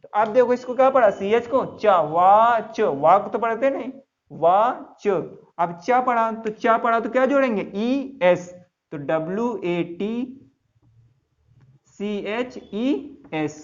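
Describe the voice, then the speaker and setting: Slow-spoken Indian man teaching English. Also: extremely high pitch. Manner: spells words letter by letter and quizzes students. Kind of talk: classroom lesson. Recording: dull lo-fi sound.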